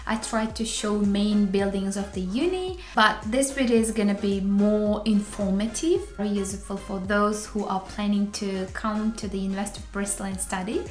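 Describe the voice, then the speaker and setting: A woman's voice: medium pitch, normal speed, hardly any pauses, roomy sound. A woman hosting a student vlog, introducing the video and asking questions in an upbeat, straightforward way. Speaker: host and interviewer.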